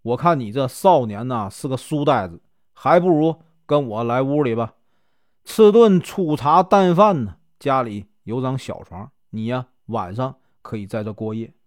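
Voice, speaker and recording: A man's voice: mid-range voice, animated, normal speed, no room sound, studio quality, close to an everyday voice. A man doing a chatty, scolding old auntie. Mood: fussy, chatty. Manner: talkative, fussy, scolds loudly.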